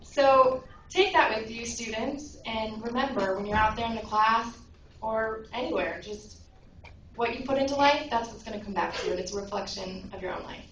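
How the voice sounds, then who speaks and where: A woman's voice: a little high, normal speed, a little hiss or hum. School counselor lady telling a little story to kids and parents, sounds far away in a big echoey room. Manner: warm storytelling, acts out quoted voices. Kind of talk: speech at a school awards breakfast.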